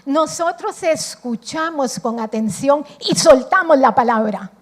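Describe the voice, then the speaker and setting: A woman's voice: high voice, animated, unhurried. A woman from Costa Rica with a Costa Rican accent, preaching a sermon with emphatic repetition. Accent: Costa Rican Spanish. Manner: emphatic, repeats phrases for effect.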